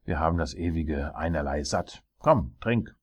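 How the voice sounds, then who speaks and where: A man performs a cruel, mocking tyrant king in an audiobook, deep and husky and loud with scorn. He bullies and bursts into rage, his rough low voice pushed up into a bellow. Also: animated, a little slow, heavily acted. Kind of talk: dramatic audiobook reading.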